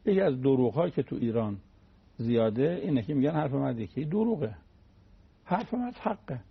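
A man with a gravelly, husky voice gives a relaxed religious talk, illustrating his points with plain stories and examples. The sound is muffled, as on an old radio broadcast. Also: medium pitch. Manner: folksy, uses everyday anecdotes and examples. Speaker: cleric giving a religious talk.

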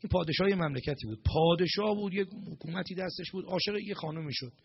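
In this storytelling sermon, the preacher brings the dialogue to life by acting out each character. His voice sits high and comes across creaky and husky, on a dry, lo-fi recording.

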